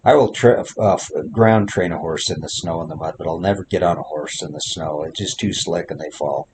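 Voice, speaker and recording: A man's voice: low-pitched, brisk. A male horse trainer gives plainspoken commentary while working a horse outdoors in the snow, repeating short coaching phrases. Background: wind.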